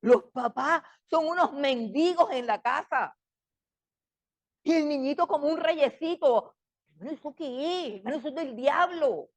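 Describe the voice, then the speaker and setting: A middle-aged woman with a high-pitched voice leads a Bible class in a fiery preaching style. She scolds through emphatic repetition and fires off one rhetorical question after another.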